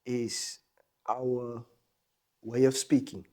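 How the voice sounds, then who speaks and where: A South African musician, guest on a casual podcast, talks extremely slowly in a mid-range voice. He is animated and emphatic, laughs often, and likes to repeat phrases.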